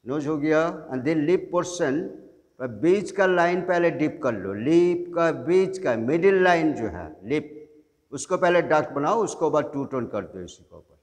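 A man teaching an online drawing class, giving slow step-by-step instructions and mixing in English. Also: a little high, lively intonation, big-room sound. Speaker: art teacher.

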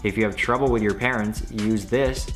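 A man's voice: fairly low pitch, fairly even intonation, moderate pace, soft background music. A young man reacting to online videos with sarcastic, mock-outraged comedic commentary.

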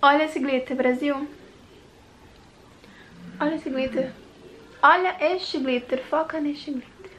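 A Brazilian woman talks straight to her camera in a casual makeup vlog. Her voice sits high, and she gushes excitedly, then drops to a whisper now and then. A faint hiss runs under the recording. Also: takes it slowly, long pauses. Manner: gushing and excitable, dropping into whispers. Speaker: beauty vlogger. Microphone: handheld compact camera.

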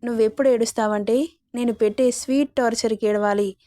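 A woman's voice: fairly high pitch, fairly even intonation, a little fast, warm tone, no room sound, clean studio sound, close to an everyday voice. A woman reading a teasing young lover. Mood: coaxing. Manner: coaxing, playful.

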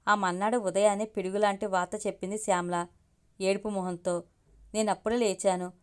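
A woman's voice: medium pitch, level tone, normal speed, clean tone. A woman reading a story aloud as the channel's storyteller, narrating steadily in the first person.

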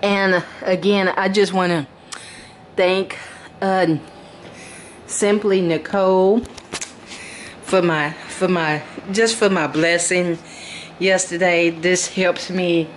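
A woman vlogger in casual chat, talking slowly, gushing and repeating herself as she coos to her dolls. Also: fairly low pitch, steady tone. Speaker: vlogger showing her reborn doll nursery. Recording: noisy home recording with air conditioner hum.

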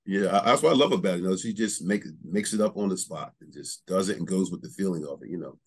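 Speaking quickly in a low, husky voice, this middle-aged show host chats enthusiastically through a casual interview, scattering "you know" throughout. He's in a small studio before a banner backdrop, using a stand-mounted studio mic.

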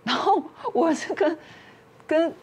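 A woman's voice: extremely high pitch, expressive, slow, darkish tone. A woman, a talk show guest telling a family story and acting out the quarrels in raised voices.

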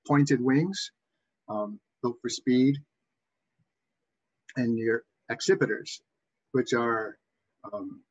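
A man with a Boston accent teaches in an informal lecture style. His mid-pitched voice is somewhat husky, and he often pauses and doubles back. The audio is dull and muffled, like a webcam microphone. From Massachusetts, USA. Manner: halting, backtracking delivery. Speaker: bird identification instructor.

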